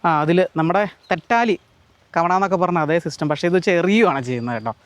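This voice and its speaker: കേരളത്തിൽ നിന്നുള്ള ഒരു പുരുഷൻ, മലയാളി ഉച്ചാരണത്തോടെ, ഒരു കൃഷിയിടത്തിൽ നിന്ന് ക്യാമറയോട് സംസാരിച്ച് കാഴ്ചകൾ വിശദീകരിക്കുന്ന vlogger. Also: male voice, sits high, lively intonation, fast talker, dry recording. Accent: Malayali. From Kerala. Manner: chatty, explains to viewers and mixes in Tamil words. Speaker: vlogger. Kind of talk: casual walk-through vlog. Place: outdoors on a farm.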